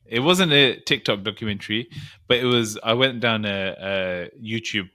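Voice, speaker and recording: Bright-voiced low man chatting. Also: normal speed. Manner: laughing, playful, explains at length. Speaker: podcast co-host. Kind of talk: casual chat.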